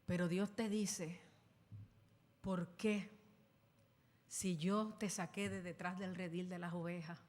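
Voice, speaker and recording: Woman pastor, mid-pitched, dramatic preacher who shouts out quoted lines, church hall with a long tail. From Puerto Rico. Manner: dramatic preaching, acting out quoted voices with sudden loud bursts. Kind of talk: sermon. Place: church sanctuary.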